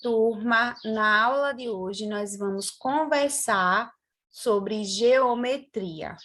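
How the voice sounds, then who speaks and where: A woman teacher from Brazil explaining geometry in a remote class, calm and checking in with her pupils. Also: fairly high pitch, drawn-out words.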